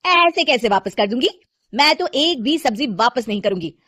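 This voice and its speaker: Brief: arrogant, scolding young housewife for a storybook, a woman reading all roles, high lively voice, dry. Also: moderate pace, slightly rough, no room sound. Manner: shrill, scolding and sharp-tongued.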